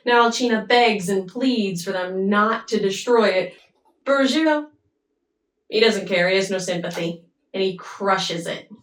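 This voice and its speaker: A woman retelling an opera plot in a chatty, casual way, with pauses and asides. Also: mid-range voice. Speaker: storyteller summarizing an opera. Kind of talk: casual storytelling. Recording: roomy, mic at a distance.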